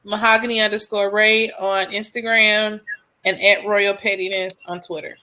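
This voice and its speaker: A woman co-hosting a casual podcast chat, giving short firm answers and pausing with fillers. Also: medium pitch, level tone, sharp tone, low-quality recording. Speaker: podcast co-host.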